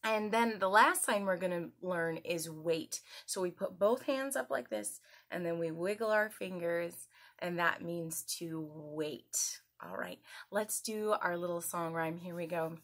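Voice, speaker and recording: Addressing young viewers directly from a small room at home, a woman in her thirties presents a children's story time full of exaggerated, encouraging questions. Her voice is on the low side, a bit bright, and a little slow.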